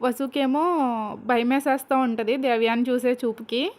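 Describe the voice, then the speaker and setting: A woman's voice: a little high, fairly even intonation, normal speed, a little mellow. A young woman retelling a serial story in a chatty, casual way, addressing listeners with asides and jokes.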